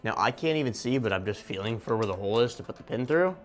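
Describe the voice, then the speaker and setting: A man's voice: fairly low pitch, expressive, quick pace. Man casually narrating, music behind. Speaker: product reviewer, video host. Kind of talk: casual unboxing and assembly narration.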